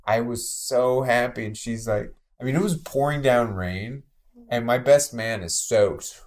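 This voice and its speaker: A man guest on a podcast, telling stories about his marriage in an emotional, animated way. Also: mid-range voice, measured pace. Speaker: podcast guest, bookstore co-owner. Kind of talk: casual storytelling interview.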